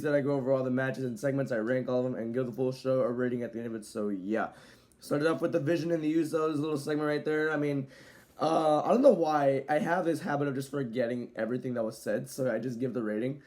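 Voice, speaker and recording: A man's voice: mid-range voice, quick pace, warm tone. Casual rambling male video reviewer. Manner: rambling, loose delivery with frequent "so, yeah" fillers; at times speeds up. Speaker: wrestling show reviewer.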